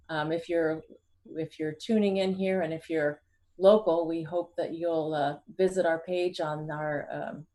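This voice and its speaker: A woman hosting an interview over a video call, speaking hesitantly with frequent pauses and thanks. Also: lowish voice, a little mellow. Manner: hesitant, rambling, appreciative. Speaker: interview host.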